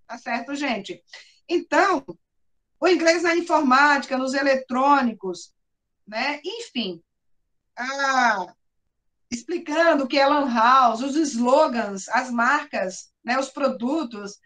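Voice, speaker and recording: A Brazilian Portuguese woman teaching a class in a high voice. She explains step by step. She keeps checking that her students follow along. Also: slow, fairly bright tone. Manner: explanatory, often asks for agreement and addresses the class directly.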